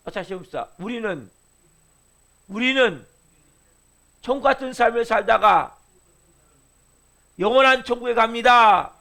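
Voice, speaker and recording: A middle-aged man preaching with a high-set voice and a gravelly edge. He presses his congregation with question after question, and his voice climbs loud, then falls to hushed, low phrases. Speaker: pastor. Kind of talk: sermon at a dawn service.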